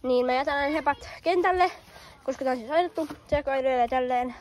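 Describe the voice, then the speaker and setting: A woman's voice: sits high, a little mellow, a little hiss or hum. A young woman vlogging outdoors on a field with a handheld camera, chatting casually with many fillers and calling out commands. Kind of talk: casual hobby-horse riding vlog.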